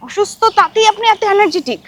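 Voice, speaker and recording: A woman hosting a quiz show, teasing her guests in a quick, animated way. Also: extremely high pitch, background noise. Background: background music.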